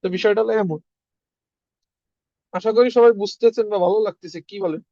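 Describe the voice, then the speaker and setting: Man, high voice, patient teacher on a dull lo-fi line, dry sound. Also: mellow, no echo. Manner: explains step by step, repeats words slowly. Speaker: language teacher. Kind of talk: online class lesson.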